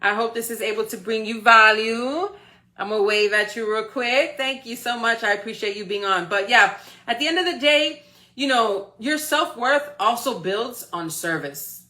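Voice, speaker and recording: A woman in her forties speaks at normal speed in a slightly high, sharp voice. As a motivational speaker on a live stream, she encourages her listeners and keeps checking in with "okay?" and "right?"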